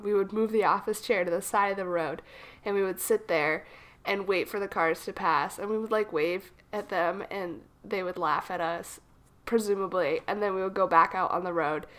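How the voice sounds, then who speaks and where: With a mid-range, slightly bright voice, this young adult podcast co-host rambles through stories in a casual chat. A cold has left her sounding a little froggy.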